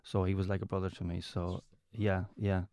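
A man's voice: low voice, flat delivery, a little mellow. A man from County Mayo with a west of Ireland accent, telling stories casually as an interview guest and often restarting his phrases. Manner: halting, repeats words and restarts phrases often. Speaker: interview guest, comedian and entertainer. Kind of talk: casual conversational storytelling.

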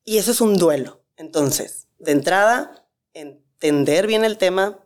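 A woman, a guest expert calmly explaining grief with examples in a talk-show conversation. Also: fairly low pitch, measured pace.

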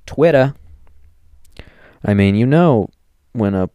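A man's voice: on the low side, lively intonation, normal speed, dark tone, dry recording. A young man hosting a solo podcast, rambling and joking as he thinks aloud. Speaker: podcast host. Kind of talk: casual solo commentary.

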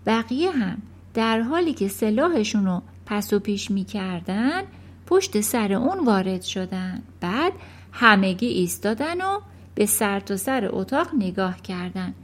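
A woman reading a children's novel aloud in an expressive storytelling manner. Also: mid-range voice. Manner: expressive, animated. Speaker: audiobook narrator.

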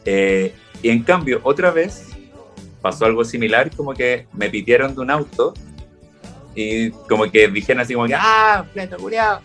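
A young Chilean man chats casually at normal speed in a medium-pitched voice, telling stories in a relaxed way and acting out what people said. Faint music plays behind him.

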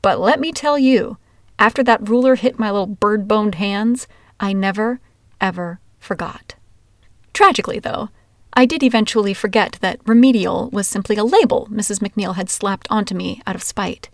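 A woman from Washington state narrating her own life story in a wry, candid, expressive way. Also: mid-range voice, normal speed, no echo, studio quality. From Washington, USA. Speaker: memoir narrator. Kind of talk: first-person storytelling.

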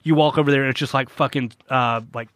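A man's voice: medium pitch, steady tone, fast, fairly bright tone, no room sound, clean studio sound. A man co-hosting a podcast, chatting casually, rambling with lots of filler words and swearing. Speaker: podcast co-host. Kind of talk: casual chat.

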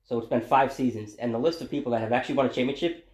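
Mid-pitched guy asking questions, relaxed, lots of ums, echoey room sound. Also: very fast. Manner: laid-back, hesitant questioning with fillers. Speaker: podcast co-host asking questions. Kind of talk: casual chat.

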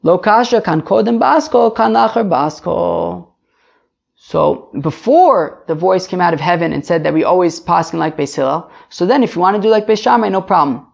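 Gravelly man explaining a Talmud lesson. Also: moderate pace. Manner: animated explaining, lively pitch jumps for emphasis. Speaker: Talmud teacher. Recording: dull lo-fi sound.

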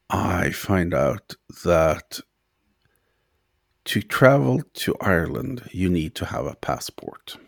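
Young guy rambling thru a story w lots of ums, deep gravelly voice. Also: no room sound, clean studio sound. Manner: rambling, hesitant with many fillers. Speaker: guest telling his story. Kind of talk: casual conversational storytelling.

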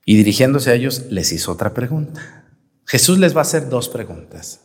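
A man's voice: medium pitch, sing-song, fairly quick. Man, priest, colloquial teasing homily, rhetorical questions, long church reverb. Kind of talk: homily at Mass.

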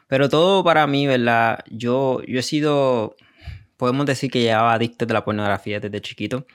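A man's voice: mid-range voice, brisk, clean tone. A man from Puerto Rico with a Puerto Rican accent, a guest coach telling his story in an interview, hesitant with many fillers. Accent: Puerto Rican Spanish.

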